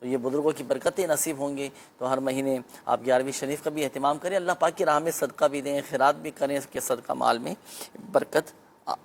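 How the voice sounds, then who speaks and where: Calm man giving religious advice. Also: medium pitch, a little fast, gravelly, slight background noise. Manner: calm, instructive, with frequent pious phrases. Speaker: host answering viewers on spiritual remedies.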